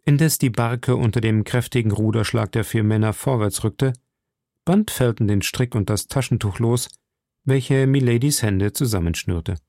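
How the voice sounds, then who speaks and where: A man reading a classic adventure novel aloud in slow, measured scripted narration. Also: mid-range voice, warm tone, no room sound, clean studio sound. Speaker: audiobook narrator.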